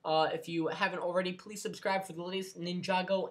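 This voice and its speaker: A man's voice: high voice, flat delivery, brisk. A man hosting his own fan video channel, talking casually and rambling with lots of fillers and restarts. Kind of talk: casual fan vlog talk.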